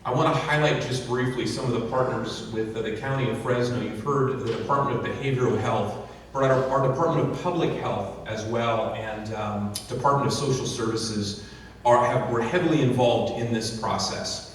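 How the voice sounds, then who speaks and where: A county official, a man with a medium-pitched voice, gives an earnest thank-you speech at a ribbon-cutting at a moderate pace, full of fillers and restarts. It comes through a distant, echoey outdoor PA with a little hiss or hum.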